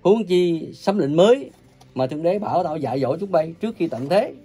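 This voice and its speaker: A man preaching an angry, ranting sermon, cursing and scolding his listeners with coarse insults, his volume swinging from loud bursts to low mutters. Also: expressive, moderate pace, soft background music. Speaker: self-proclaimed religious preacher.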